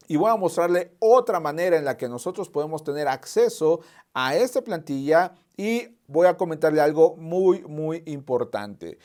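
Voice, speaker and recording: Methodical man giving a software tutorial. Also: fairly high pitch. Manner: methodical, repeats key points, thinks aloud while clicking. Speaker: software trainer. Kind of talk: screen-share software tutorial.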